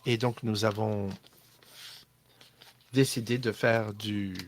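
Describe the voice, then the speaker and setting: A man's voice: on the low side, level tone, takes it slowly, a little hiss or hum. A man from Morocco, a chocolatier guest, introducing himself in a chatty way with many restarts. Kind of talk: casual self-introduction.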